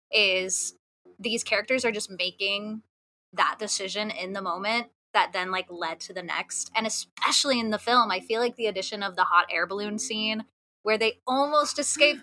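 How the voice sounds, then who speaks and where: Bright Valley Girl woman on a podcast. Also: medium pitch, a little hiss or hum, rough recording. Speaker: podcast guest. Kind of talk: casual discussion.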